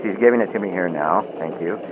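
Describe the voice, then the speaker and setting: A man's voice: sits low, quick pace. Man playing a tinny-sounding Christmas elf field reporter. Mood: announcing. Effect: radio link filter. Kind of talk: mock live radio news report. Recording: tinny phone-like radio link, very noisy.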